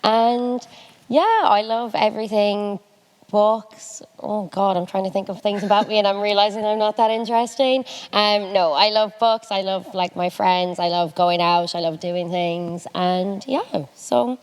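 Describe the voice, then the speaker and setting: A woman's voice: medium pitch, unhurried, clear, resonant tone. Young west of Ireland woman, reverberant room. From Galway, west of Ireland. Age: early 20s. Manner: chatty, informal, self-deprecating. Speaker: student podcast co-host. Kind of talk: casual chat.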